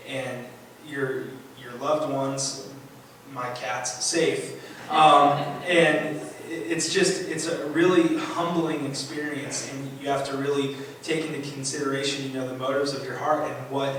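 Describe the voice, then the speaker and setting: A man's voice: medium pitch, level tone, a little slow, fairly bright tone, slight background noise. A man giving a rambling personal testimony in a church, with many fillers and restarts. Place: church sanctuary. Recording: echoey church from a distant mic.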